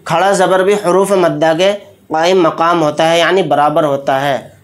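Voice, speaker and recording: A man teaching Quran recitation rules, explaining each sound slowly and deliberately, then chanting the verses in long drawn-out tones. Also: on the high side, steady tone. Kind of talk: tajweed lesson. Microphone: close mic, speaking while pointing with a pen.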